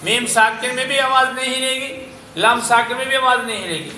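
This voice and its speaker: A man with a Pakistani Urdu accent teaching Quran recitation in a madrasa class, drilling single syllables and chanting verses slowly. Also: very high-pitched, reverberant, very noisy. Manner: corrects pronunciation by repeating syllables, then chants verses slowly.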